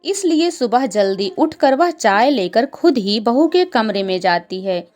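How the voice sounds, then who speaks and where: Woman narrator for a kids' cartoon story, unhurried, soft music beneath. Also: on the high side. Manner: slow, even storytelling.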